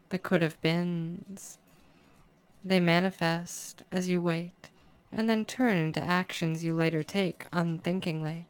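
A woman guides a listener into trance as a hypnotist, her phrasing soft, slow and drawn out. Her voice sits a little low and sounds smooth and resonant. The recording is dry and close, with no room around her. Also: no room sound.

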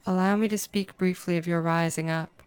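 A woman acting as a hypnotist, speaking a slow, soft, lulling trance induction with drawn-out phrasing. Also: on the low side, fairly even intonation, smooth.

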